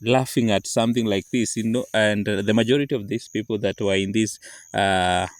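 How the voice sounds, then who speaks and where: A man commenting on video clips, speaking haltingly with many filler words. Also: on the low side, steady tone, no room sound. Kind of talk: reaction commentary.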